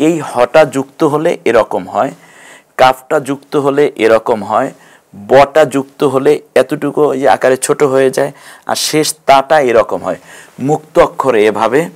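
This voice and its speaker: A man teaching a televised Quran reading class, patiently explaining and slowly sounding out each syllable. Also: mid-range voice. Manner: slow, drawn-out syllable-by-syllable sounding out. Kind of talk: TV classroom lesson.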